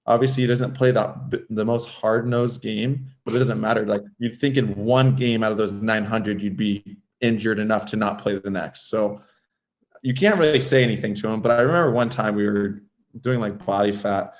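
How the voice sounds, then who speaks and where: A man's voice: on the low side, steady tone, moderate pace. A man in his thirties from Southern California, a guest on a casual podcast interview, rambling and filling his speech with "like". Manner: rambling, fills speech with "like", restarts often. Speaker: guest, former pro hockey player.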